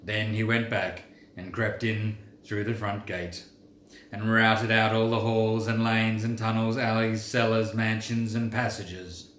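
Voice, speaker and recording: A man doing Thorin, deep-voiced old dwarf king. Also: flat delivery, a little slow, fairly bright tone. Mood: grim. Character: proud old dwarf king recounting his people's loss. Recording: roomy with faint background noise.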